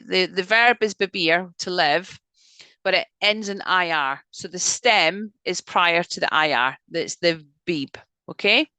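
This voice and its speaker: A woman teaching an online Spanish lesson over a video call. She drills words slowly and keeps checking that her students are following. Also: fairly low pitch, bright, forceful tone, no room sound.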